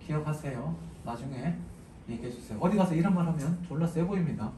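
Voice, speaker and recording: A man with a fairly high voice gives a chatty, joking literature lesson and keeps asking his students questions. He sounds a little far from the mic in a roomy, echoing space. A clear noise runs behind him. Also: lively intonation, brisk. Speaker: Korean literature teacher. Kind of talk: casual lecture to exam students. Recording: echoey room, mic at a distance, noisy.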